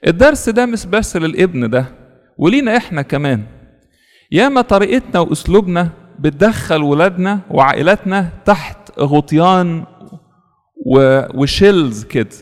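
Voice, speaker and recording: Fast-talking Egyptian priest preaching. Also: male voice, on the high side, big-room sound. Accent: Egyptian Arabic. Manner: storytelling, earnest, repeats words for stress. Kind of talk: sermon with a story.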